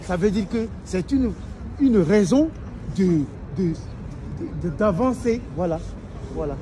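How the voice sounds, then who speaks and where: A man's voice: high voice, expressive, unhurried, background noise. A man on a city street, earnestly interpreting and insisting he understood, repeating yes and voilà. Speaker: street interpreter, prank target. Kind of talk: improvised interpreting.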